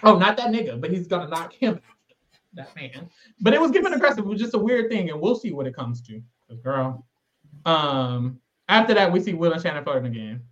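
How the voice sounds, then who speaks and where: Brief: male podcast co-host, high and swooping voice, slangy recap banter, dull lo-fi sound. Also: a little fast. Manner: animated, slangy, dramatic storytelling. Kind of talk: casual recap chat.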